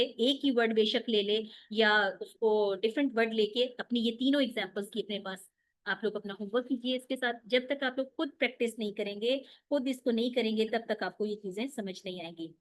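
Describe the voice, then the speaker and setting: A woman's voice: a little high, moderate pace. A woman teaching an online Quran recitation lesson, explaining mistakes step by step and answering her own questions.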